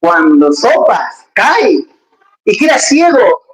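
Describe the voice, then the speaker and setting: A preacher delivering a lively sermon in a loose, conversational way. The talk is peppered with joking asides and questions thrown out to the listeners, in a mid-pitched voice. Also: slow pace, low-quality recording.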